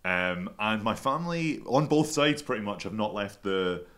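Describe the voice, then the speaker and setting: A man's voice: lowish voice, expressive, normal speed, a bit bright. Glaswegian man telling a rambling story. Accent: Glasgow. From Scotland. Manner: self-deprecating storyteller, stumbling restarts. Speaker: podcast guest. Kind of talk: casual chat.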